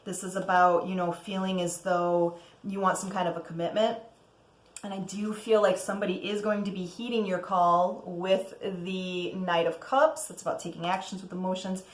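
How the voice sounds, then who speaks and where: A woman's voice: fairly low pitch, fairly even intonation, normal speed, roomy sound. A woman giving a casual, chatty tarot reading as host, often checking in with "okay?" and letting out cheerful whoops. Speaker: tarot reader.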